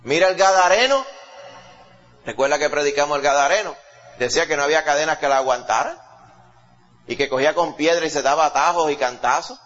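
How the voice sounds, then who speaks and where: A man's voice: a little high, a little fast, pauses often, fairly bright tone. Dramatic male preacher, dull lo-fi sound. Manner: dramatic storytelling, rising to emphatic peaks and acting out the people in the story. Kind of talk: sermon. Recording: dull lo-fi recording.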